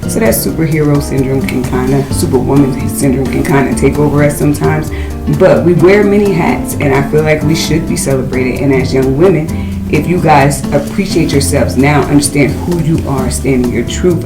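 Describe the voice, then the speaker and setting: A woman's voice: low voice, fairly quick. A woman guest speaking in a motivational, advising way to young women in a casual panel talk. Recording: echoey room with music behind.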